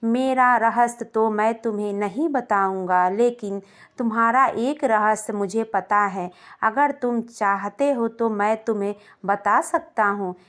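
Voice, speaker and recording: A woman voicing a calm, gentle, wise male guru teaching his pupil in a storybook tale. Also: on the high side, takes it slowly. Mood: grave, calm. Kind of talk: storybook narration dialogue.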